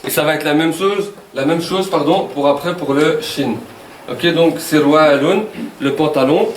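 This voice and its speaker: A man's voice: fairly high pitch, normal speed, slight background noise. A man from Wallonia with a Walloon Belgian French accent, teaching Arabic letters to a class in a patient, joking way and checking in with "ok?". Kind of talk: classroom lesson. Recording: echoey classroom from far off.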